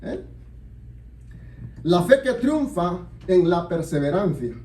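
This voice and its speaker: Echoey far-off preacher, man, mellow voice. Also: high voice, sing-song. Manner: measured, repeated address to the congregation. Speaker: pastor. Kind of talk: sermon. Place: church hall.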